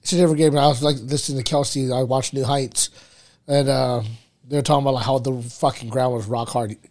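A man's voice: mid-range voice, fairly even intonation, fairly quick, a little mellow. A man co-hosting a casual sports chat, talking like a frat bro with slangy, freely sweary banter. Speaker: podcast co-host.

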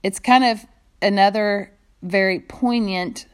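A woman's voice: medium pitch, slow, smooth. A woman informally explaining a Bible passage, talking conversationally and paraphrasing the verses, recorded on a phone. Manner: conversational, paraphrasing, animated when quoting. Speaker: Bible teacher.

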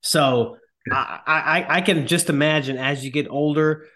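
Slightly high-voiced friendly interviewer man. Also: fairly even intonation, measured pace, bright, forceful tone. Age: 30s. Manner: agreeable, backchannels often. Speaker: podcast host. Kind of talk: casual interview chat.

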